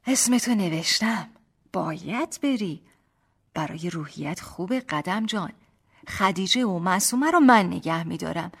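A woman voicing a gentle teasing young husband. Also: on the low side, expressive, creaky, slightly rough, heavily acted.

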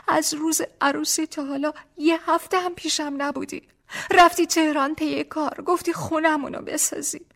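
A woman voicing a tearful young wife. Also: fairly bright tone. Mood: reproachful. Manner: high, tearful, reproachful pleading. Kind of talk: audiobook character voice.

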